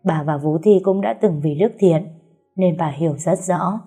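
A woman voicing a firm, caring old grandmother, speaking in a steady, admonishing way. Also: fairly low pitch, normal speed, slightly rough, soft background music.

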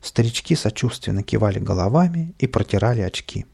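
Gravelly-voiced man reading a children's story. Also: fairly low pitch, a little fast. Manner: lively storytelling, plays all the voices. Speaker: audiobook narrator. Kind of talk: children's audiobook narration.

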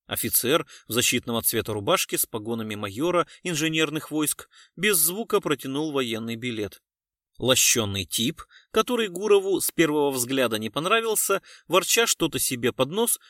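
A man narrating a detective story in an even, measured reading style. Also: on the high side, no echo, clean studio sound. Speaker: audiobook narrator. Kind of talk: scripted narration.

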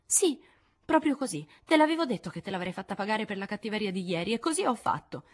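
A woman reading an audiobook, voicing a spiteful younger girl with a high, defiant, taunting voice. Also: sing-song, quick pace. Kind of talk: audiobook character voice.

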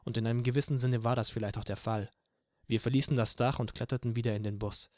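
A man narrating a novel in the first person as an audiobook, in a steady storytelling manner. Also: medium pitch, fast talker, no echo, clean studio sound. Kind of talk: scripted narration.

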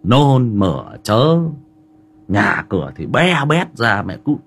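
Hosting a livestream, a Northern Vietnamese man wanders through a family story, relaxed and packed with fillers. His fairly low voice swings widely in pitch and is slow and gravelly, with a fairly bright tone and a breathy edge.

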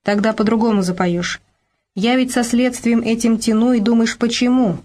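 Woman narrator doing a menacing male official, officious and bullying, voice pushed up high. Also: steady tone, normal speed, darkish tone, natural voice. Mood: aggrieved. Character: stern threatening male Soviet official.

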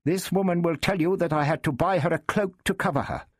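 A man's voice: a little high, fairly quick, slightly rough, no echo, studio quality, voice pushed up. A man voicing a young English knight who reasons firmly and earnestly. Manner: firm, earnest, argumentative.

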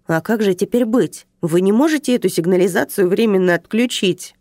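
A woman's voice: mid-range voice, fairly quick, warm tone, no echo, clean studio sound, lightly acted. A woman voicing a stern, indignant female museum attendant who scolds in a raised voice.

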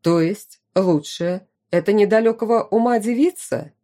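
A woman's voice: medium pitch, normal speed, mellow, pitched above the performer's own voice, natural voice. A woman voicing a stern, commanding middle-aged duke and father in an audiobook. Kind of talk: audiobook character reading.

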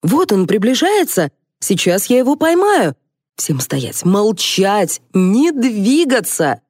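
A woman's voice: lowish voice, lively intonation, a little slow, a little mellow, dry recording, clean studio sound. A woman reading an audiobook, voicing a frantic, eccentric male ornithologist who shrieks out commands.

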